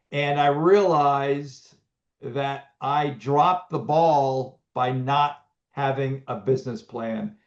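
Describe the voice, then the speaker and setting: A man's voice: on the high side, darkish tone. Rambling middle-aged man, muffled audio. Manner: rambling, many restarts and fillers. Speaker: business owner guest. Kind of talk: casual interview talk.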